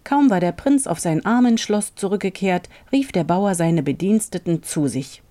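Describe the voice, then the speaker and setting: A woman reading a fairy tale aloud in a calm, measured storytelling manner. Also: lowish voice.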